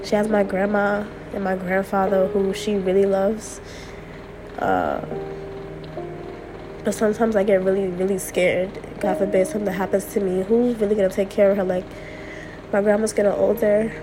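This young woman hosts a personal podcast, venting frankly late at night and repeating herself while she shakes off a cold. She talks at a moderate pace and medium pitch. The recording is rough, with music behind her.

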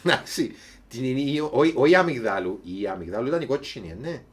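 Male talk show host, Cypriot Greek accent, mid pitch, loose colloquial comic chat, animated and sweary. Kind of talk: casual comedic chat.

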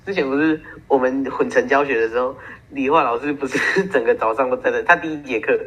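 Fast-talking teen boy, husky, muffled. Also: medium pitch, fairly bright tone. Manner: storytelling, teasing. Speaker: podcast co-host. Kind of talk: casual chat. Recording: muffled single-track home recording.

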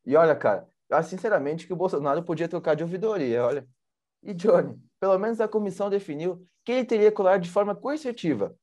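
Teasing co-host, lively voice. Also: male voice, high voice, fast. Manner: teasing, explanatory. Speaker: news show co-host. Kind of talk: informal political news commentary.

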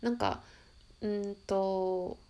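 Woman w a stuffy nose, soft and musing, reads a prayer slow then just chats a bit. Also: mid-range voice, steady tone. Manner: soft, musing, slow and careful when reading. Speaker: podcast host reading a text aloud. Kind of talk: reading a prayer aloud with casual comments.

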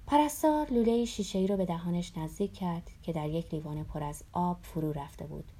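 A woman narrating a memoir aloud in a calm, somber storytelling voice, sometimes dropping to a whisper. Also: on the low side, slightly rough.

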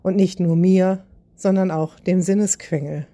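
A woman hosting a podcast, telling a humorous story in a lively, self-mocking way. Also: on the low side, unhurried. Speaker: podcast host.

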